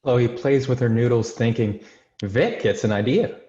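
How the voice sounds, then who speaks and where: Serving as host and stage-direction narrator at a table read, this man gives scripted intros and reads out screenplay directions. He speaks at a normal speed in a mellow, mid-range voice, captured with roomy, dull lo-fi sound.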